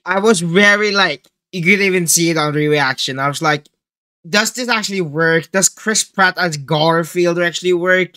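A teenage reaction video host with a high, sharp voice chats casually at a moderate pace about a trailer. He rambles with hesitant phrasing in a small indoor room packed with collectibles.

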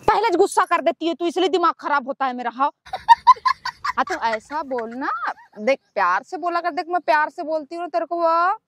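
A woman's voice: extremely high pitch, expressive, a little fast, fairly bright tone. A woman in a comedy sketch, chatting on the phone and bickering and scolding.

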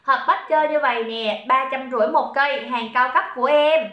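A woman's voice: sits high, a little fast, muffled recording. A young woman from Saigon with a Southern Vietnamese accent, hosting a live sales stream, chatting and joking with viewers and greeting them by name. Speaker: livestream seller. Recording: roomy echo.

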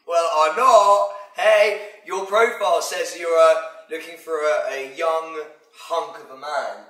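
A man, chatting casually in an excitable, jokey, playful way. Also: fairly high pitch, unhurried. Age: 20s. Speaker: host, vlogger. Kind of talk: casual chat. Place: living room sofa, indoors. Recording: roomy, distant mic, faint music.

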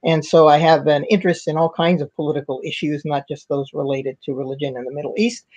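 Older man, roundtable guest, hesitant with many fillers, slightly high voice, dull lo-fi call audio. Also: steady tone, quick pace, darkish tone. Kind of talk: casual discussion. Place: wood-panelled home room. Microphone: headset mic on a video call.

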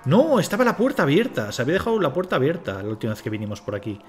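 Animated man swearing at a game. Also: a little high, very fast. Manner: swears a lot, talks to himself and the game. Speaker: streamer playing a game. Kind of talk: casual live gameplay commentary.

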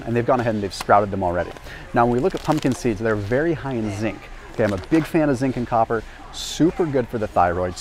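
A man in his thirties with a mid-range voice walks a warehouse store aisle, energetically explaining nutrition to the camera as a health and nutrition vlogger. It's an educational grocery walk-through recorded indoors on a small lapel mic, with a little hiss or hum.

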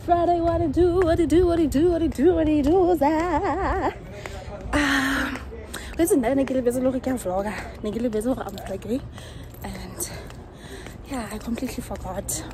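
A woman's voice: high-pitched, moderate pace, crowd noise. A young woman with a South African accent, chatting casually in a vlog and mixing Setswana with English, filmed on a phone at arm's length. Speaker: vlogger. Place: car and shops, handheld camera. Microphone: phone camera at arm's length.

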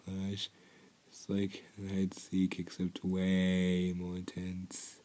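Speaking very slowly in a low, mellow monotone, a young man reacts to a cartoon from a small bedroom. He rambles and jokes with mumbled asides and swearing, recorded on an earbud headset mic.

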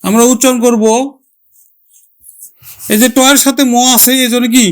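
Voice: mid-range voice, steady tone. A teacher giving a pronunciation lesson, who stretches out each example word carefully and says it more than once. The teacher asks the listener questions and then answers them. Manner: drawn-out, careful sounding of example words.

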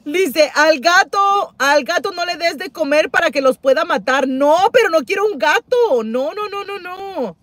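A middle-aged woman hosts a couponing livestream, chatting casually and reading viewer comments aloud at a moderate pace with few pauses. She is animated, exclaiming and repeating words, her voice swinging high and loud, on a dry recording.

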